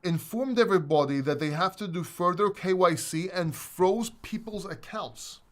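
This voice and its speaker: A man's voice: high voice, moderate pace, a bit bright. A man from Greece hosting a casual live stream, chatty and rambling, a little winded. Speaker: host.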